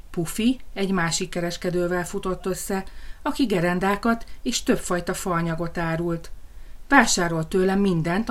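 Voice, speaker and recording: Woman reading a kids fairy tale, kinda low voice, lively and expressive. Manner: lively, expressive storybook narration. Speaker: storyteller. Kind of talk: children's story reading.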